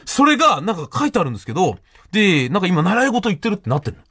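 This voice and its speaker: A man's voice: sits high, sing-song, racing, fairly bright tone, breathy edge, dry recording, clean studio sound. A man hosting a radio show, telling a comic story in a solo monologue, laughing often and acting out the voices he quotes.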